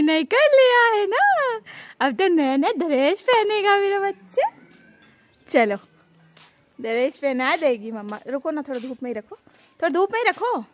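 Young mother cooing in high sing-song. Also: a bit bright. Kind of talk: baby talk.

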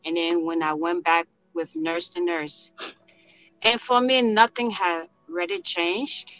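A woman's voice: on the low side, fairly even intonation, slow, fairly bright tone, faint music behind. A woman from Liberia, a nurse volunteer, earnestly recalling her return home in a video call interview. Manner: earnest, emotional recollection. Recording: dull lo-fi call audio.

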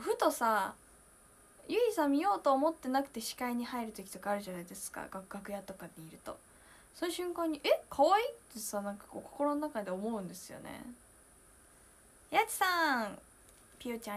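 A young woman in her twenties, chatting casually on a solo livestream, emotional and talkative, moving from loud bursts to hushed asides. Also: fairly high pitch, sing-song, quick pace. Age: 20s. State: near tears at times. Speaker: idol streamer.

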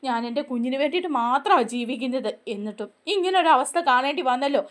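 Woman narrator as a grieving grandmother, pleading, quick high delivery. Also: lively intonation, a bit bright. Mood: lamenting. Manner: lamenting, pleading. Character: distraught grandmother pleading over her grandson.

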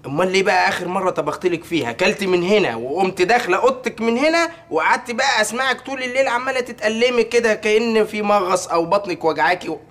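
Eager naive young lawyer, egyptian accent, rambling, playful. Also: male voice, sits high, fast talker, few pauses, fairly bright tone. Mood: earnest. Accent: Egyptian Arabic. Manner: playful, earnest, rambling explanations. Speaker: lawyer, son.

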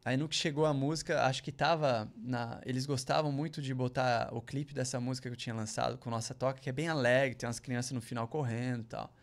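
A man's voice: mid-range voice, fairly even intonation, fast, few pauses. A man, a podcast guest, telling a long casual story in a slangy, rambling way and acting out other people's lines in a raised voice. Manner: slangy, rambling storyteller full of "cara" and "velho" asides.

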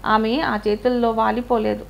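A woman narrating an audio short story in a calm, even storytelling manner. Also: fairly high pitch, moderate pace, creaky.

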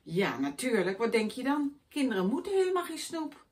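A woman voicing a grumpy, greedy male schoolteacher who hates children, boastful and scornful, in a high, loud voice. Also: wildly swooping pitch, moderate pace.

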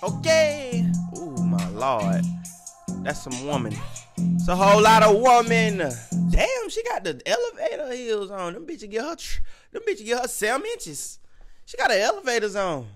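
High, lively man reacting excitedly. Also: normal speed, soft background music. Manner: excitable, exclaiming, heavy slang and cursing. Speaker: reaction video host. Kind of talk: casual reaction commentary.

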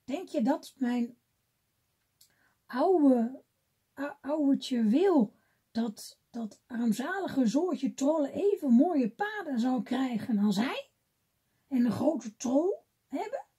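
A woman reading aloud, voicing a furious old female troll witch who shouts threats. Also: high-pitched, expressive, takes it slowly, pauses often, slightly rough, heavily acted.

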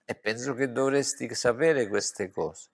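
A gravelly, slow-paced man preaches a sermon. His delivery drops to hushed asides, then surges into loud, emphatic declarations. Between these, he coaches his listeners through the scripture reading. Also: mid-range voice. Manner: swings from quiet asides to loud exclamations.

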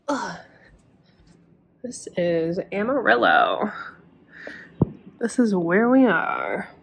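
Filming on a phone held at arm's length, this thirty-something woman talks about a book in a relaxed reading-vlog style, indoors in a hotel room and a car. Her medium-pitched voice is creaky, and she comes across as candid and chatty with the occasional curse. There's slight hiss or hum in the recording.

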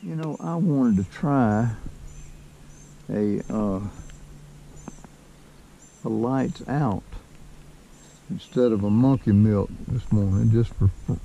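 A man giving slow, folksy commentary while fishing from a small boat, recorded on an action camera. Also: on the low side, vocal fry, dark tone, muffled recording, slight background noise. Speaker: fishing vlogger. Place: small boat on a lake, outdoors. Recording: faint outdoor lake ambience.

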